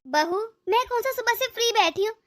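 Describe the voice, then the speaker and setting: Older cartoon mother-in-law, grumbling and tired, shrill high tone. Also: animated, a little fast, fairly bright tone. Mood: weary. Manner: weary, grumbling self-pity. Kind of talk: cartoon dub voice acting.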